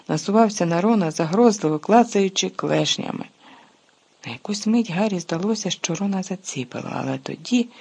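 Husky, expressive audiobook narrator. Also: medium pitch. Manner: lively, expressive storytelling with sharp shifts in loudness. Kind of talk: audiobook reading.

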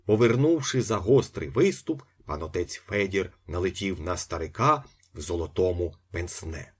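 Husky, lively male audiobook reader. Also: low voice, normal speed. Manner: expressive storytelling. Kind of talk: scripted narration.

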